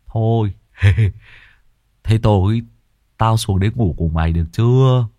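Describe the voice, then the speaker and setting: A man voicing a young farmhand who teases loudly and blusters. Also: on the low side, slow, no room sound, lo-fi sound. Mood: mocking. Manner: loud, teasing, blustering. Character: loud mocking young male farmhand who loves to scare.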